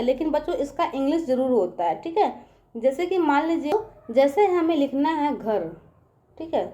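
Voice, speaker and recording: A woman's voice: high-pitched, warm tone, muffled recording. A woman teaching young children in a patient online lesson, asking them questions and repeating herself often.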